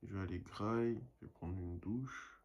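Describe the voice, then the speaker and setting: In a casual vlog monologue, a young painter with a deep, slightly mellow voice speaks at a moderate pace. He rambles, pumps himself up, and slips in English phrases now and then.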